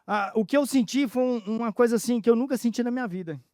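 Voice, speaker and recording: A man's voice: very high-pitched, dark tone, dry recording, studio quality. A man giving an emotional personal testimony talk at a conference, telling his story through many reported dialogues. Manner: emotional, halting. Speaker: conference speaker.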